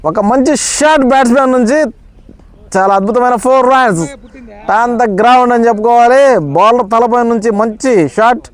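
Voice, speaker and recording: A man giving live amateur cricket commentary in an excitable manner, repeating stock phrases of praise. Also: extremely high pitch, normal speed.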